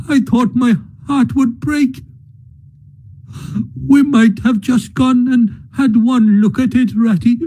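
A man voicing a weepy, high little Mole. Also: warm tone, full character voice, poor audio. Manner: sobbing, pleading, stammering. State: crying. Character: tearful homesick male mole, small and timid.

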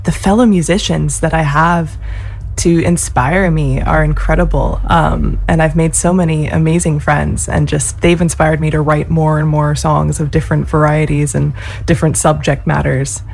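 Young woman guest, low voice, soft and reflective, casual interview. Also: fairly even intonation, moderate pace, creaky. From UK, raised in Scotland and the US. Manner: soft-spoken, thoughtful, with filler ums. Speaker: guest songwriter.

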